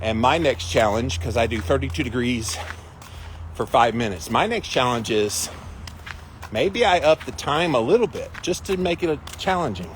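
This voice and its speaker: A man's voice: medium pitch, lively intonation, normal speed, slight background noise. A man hosting a casual livestream, explaining and coaching in an emphatic way, drawing out key words. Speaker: livestream host.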